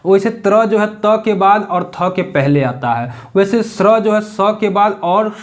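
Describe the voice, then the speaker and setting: High-voiced man teaching step by step. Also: animated, a little slow. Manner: explains step by step, repeats key points; asks questions and answers them himself. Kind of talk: classroom-style lesson.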